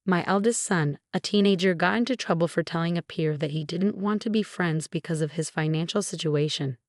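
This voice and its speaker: A woman reading online forum posts aloud as scripted narration, in an even, measured delivery with no fillers. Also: on the low side, no room sound, clean studio sound. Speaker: story narrator.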